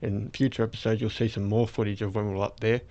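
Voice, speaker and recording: A fast-talking man with a lowish voice and little pitch movement rambles casually as a podcast host. He is Australian and toothless, speaking through a face mask with soft-edged speech, and the recording sounds dull and lo-fi.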